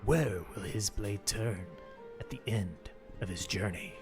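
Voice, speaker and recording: A man voicing a dramatic male movie-trailer narrator, speaking slowly and gravely. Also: on the low side, over music, pitched below the performer's own voice. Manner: slow, grave, dramatic delivery trailing into a whisper.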